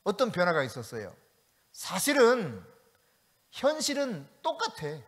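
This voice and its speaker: A man's voice: high voice, wildly swooping pitch, measured pace. A male pastor preaching a sermon, reading scripture aloud and asking the congregation questions. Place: church sanctuary. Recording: long church hall reverb.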